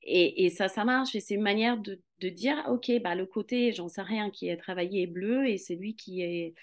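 This Italian-speaking woman, a Pilates and Rolfing practitioner, is a guest in a conversational interview. Her pitch is medium and her pace moderate. She hesitates a lot, restarting and using fillers as she hunts for the right words.

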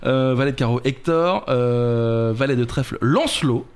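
A man co-hosting a quiz among friends, lively and often laughing as he lists the answers. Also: mid-range voice, normal speed, clean tone. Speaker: quiz co-host. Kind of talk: casual quiz banter.

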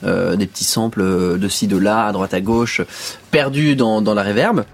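A man's voice: on the low side, moderate pace, slight background noise. A man on a music panel commenting casually on a song in a reflective, hesitant way, with many fillers.

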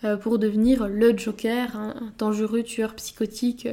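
A woman's voice: fairly high pitch, flat delivery, normal speed, mellow. A woman hosting a podcast, talking through her thoughts with many hesitations and restarts. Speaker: podcast host. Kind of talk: casual podcast monologue.

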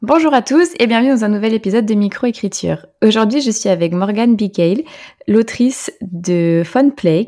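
Chatty woman podcast host, mellow voice. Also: medium pitch. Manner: chatty, many fillers. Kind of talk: casual podcast interview.

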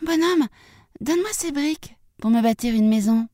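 A woman puts on a tiny storybook pig with a squeaky, piping voice that leaps far above her own. It is bouncy and lively, cheeky and clever, and recorded close and dry. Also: normal speed, no echo, natural voice. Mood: pleading, defiant.

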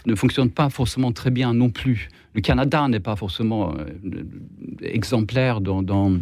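A man's voice: fairly low pitch, a little slow, darkish tone, no echo, studio quality. A man with a Swedish accent speaking as a guest on a political debate panel, hesitant, stumbling over repeated words and restarts. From Sweden.

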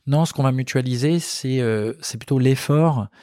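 A man's voice: medium pitch, moderate pace, warm tone, no echo, studio quality. A man in his forties, a company founder, talking casually in an interview, with many fillers and restarts. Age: 40s.

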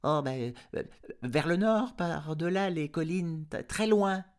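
A man's voice: a little high, animated, slow pace, smooth, voice pushed up. A man voicing a frightened, panting male farm dog in a read-aloud storybook, with squealing, panicky cries. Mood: nervous. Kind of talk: audiobook character voice.

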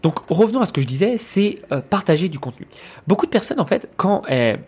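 A man's voice: high-pitched, sing-song, quick pace, darkish tone, breathy edge. A man from France hosting a solo podcast, giving business advice in a direct, persuasive way and talking straight to the listener. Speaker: podcast host and business coach.

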